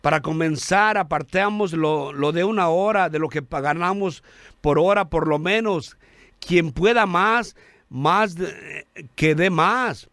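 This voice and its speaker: A man giving an earnest radio sermon, calling listeners brothers, halting now and then with fillers and restarts. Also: on the high side, a bit bright, no echo, studio quality. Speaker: radio preacher.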